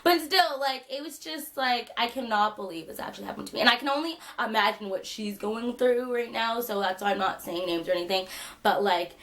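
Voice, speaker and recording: A young woman vlogger telling a funny story in casual chat, animated and laughing, with lots of fillers. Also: on the high side, brisk.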